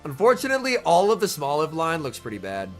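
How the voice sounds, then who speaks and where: On a live stream from a tournament watch party, a young man fighting off a slight illness talks excitedly and answers his chat by name. The voice is a little high and quick, with soft music underneath.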